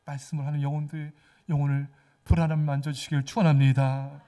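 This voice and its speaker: A middle-aged man preaching a sermon in a notably high voice. He exhorts with fervor, urging his congregation again and again. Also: level tone, quick pace, mellow, distant mic. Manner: fervent, exhorting, repeatedly addresses the congregation. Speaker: pastor.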